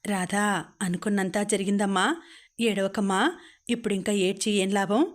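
A kindly older woman, voiced by a woman narrator, tender and soothing as she consoles. Her pitch stays even and narrow. It sits in a storybook reading. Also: normal speed, natural voice.

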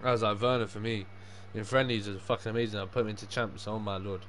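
Low-pitched young gaming streamer man. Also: steady tone, fast, a bit bright. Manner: sweary, matey slang. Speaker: livestreaming gamer. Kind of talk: casual livestream gaming chat. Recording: clear background noise.

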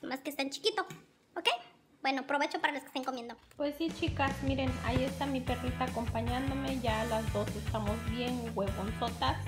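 A woman's voice: high voice, bright, forceful tone. A woman, chatting casually to viewers while filming herself on a phone at home and in her car. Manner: chatty, keeps addressing viewers as friends. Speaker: vlogger. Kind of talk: casual chat to camera. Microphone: phone held at arm's length.

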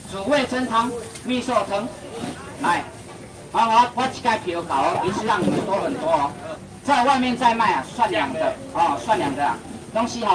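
Heard faintly through heavy market noise, a high-pitched young man with a Taiwanese accent runs a seafood auction outdoors. He calls prices in a quick, lilting chant and trades banter with the onlookers.

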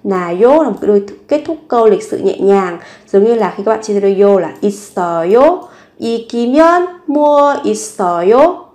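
A woman teaching Korean vocabulary, repeating each word slowly and carefully. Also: mid-range voice, expressive, mellow. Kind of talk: vocabulary lesson with repeated example phrases.

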